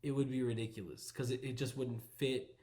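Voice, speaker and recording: A man's voice: medium pitch, fairly even intonation, mellow. A playful man, a pastor by trade, chatting loosely on a home vlog. He teases and laughs his way through long stories. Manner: playful, teasing, laughs often, drawn-out storytelling. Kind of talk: casual chat.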